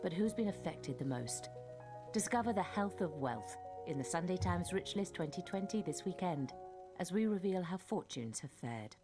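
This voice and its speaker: A woman reading a scripted advert in a polished, measured voice. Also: on the low side, animated. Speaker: advert voice-over. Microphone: studio voice-over mic. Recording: advert with music under it.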